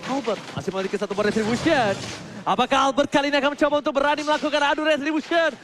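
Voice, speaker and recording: A male esports play-by-play commentator in an excited fighting game announcer style, calling out plays and stretching key words. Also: extremely high pitch, rapid-fire. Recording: loud game noise behind commentary.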